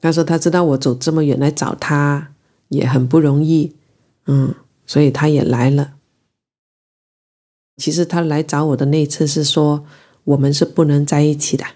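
Low, mellow woman from Guangzhou; reflective first-person storyteller. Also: steady tone. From Guangzhou, China. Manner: reflective, unhurried and emotional in recounting. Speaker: interviewee telling her own story.

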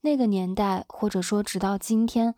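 A woman in her twenties narrating a scripted, reflective story in a calm, measured way as the interviewer. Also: mid-range voice, no room sound, studio quality. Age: 20s. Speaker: interviewer and narrator, daughter of the guest.

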